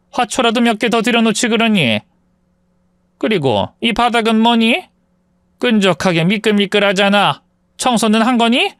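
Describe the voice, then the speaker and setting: A man voicing a nagging, pushy older mother-in-law who scolds in a shrill, meddling way. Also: a bit bright, clear, resonant tone, no echo. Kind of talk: storybook voice acting.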